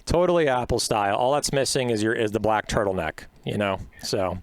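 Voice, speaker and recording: Brisk and expressive, a low-pitched male podcast host conducts an interview in a studio, captured in a dry recording. His style is friendly and upbeat, packed with uhs and similar fillers.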